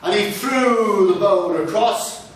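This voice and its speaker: A man's voice: high voice, slow pace. Male storyteller, playful asides, from far off, echoey room, background noise. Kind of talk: live folk-tale storytelling.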